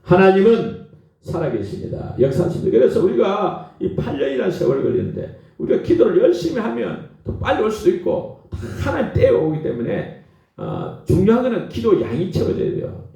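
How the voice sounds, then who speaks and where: A male pastor delivers an animated sermon in a warm, gravelly voice that rises and falls a lot as he tells his stories. He keeps checking in with his listeners with a quick "eh?" as he goes. He is picked up from a distance in a very echoey hall, and the sound is dull and muffled. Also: high voice. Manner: animated storytelling, prompts listeners with "eh?".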